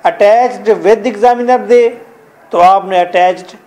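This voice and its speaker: Speaking extremely slowly in a warm, high-sitting voice, a middle-aged Pakistani-accented man runs a classroom English grammar lesson. He drills the rules and puts questions to his students.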